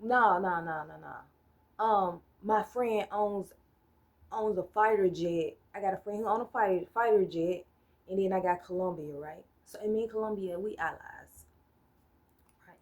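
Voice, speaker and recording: In a mid-range voice at a measured pace, an American woman delivers a casual political rant on her solo vlog. Her talk is blunt, profane, and rambling; she loses her thread and reasons aloud through hypotheticals, checking in with "right?"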